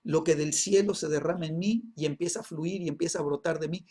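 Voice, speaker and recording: Husky guy teaching bible class, keeps repeating stuff and asking "sí?". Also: on the high side, a little fast, dark tone. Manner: peppers phrases with "¿sí?" and "¿verdad?", repeats himself for emphasis.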